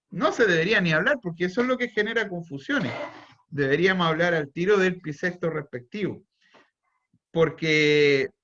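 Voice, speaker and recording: A man's voice: high-pitched, bright, forceful tone, muffled recording. Chilean man lecturing calculus online. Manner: thinks aloud, restarts phrases, quizzes students. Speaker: university math lecturer.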